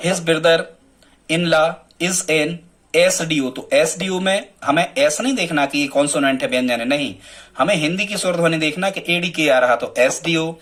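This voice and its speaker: Male grammar teacher with a higher-pitched voice, talks to his students, poses questions and answers them himself, reads examples slowly. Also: a bit bright. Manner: addresses students often, asks and answers own questions; reads English example sentences slowly and carefully. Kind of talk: classroom grammar lesson.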